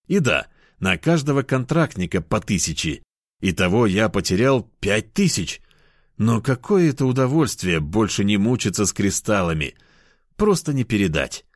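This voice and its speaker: A man reading a first-person audiobook in an expressive, lively way. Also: on the low side, no echo, clean studio sound. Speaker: audiobook narrator.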